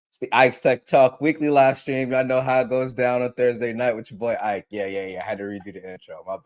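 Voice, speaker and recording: Fairly low in pitch and a little mellow, a man hosts a laid-back tech livestream. Allergies leave him slightly stuffy, and he tends to repeat himself and call out viewers by name.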